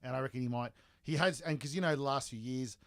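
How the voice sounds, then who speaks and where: A man's voice: mid-range voice, fast talker, fairly bright tone, no echo. A young Australian man co-hosting a podcast, telling stories in a blunt, rambling, slangy way. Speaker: podcast co-host. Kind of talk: casual chat.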